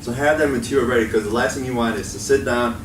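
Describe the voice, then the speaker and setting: A mid-range voice moving at a quick pace belongs to a young Chicago-accented man giving a casual guest talk to college students. He often tags his points with "right?". The far-off recording from a college meeting room is echoey and noisy.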